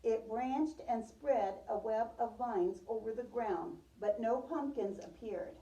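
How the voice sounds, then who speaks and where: Reading a picture book to a preschool class, a woman teacher holds storytime with questions, echoing and affirming the children's answers. Her voice sits a little high and sounds mellow, and she goes at a slow pace. The audio is dull and roomy, picked up by a distant microphone.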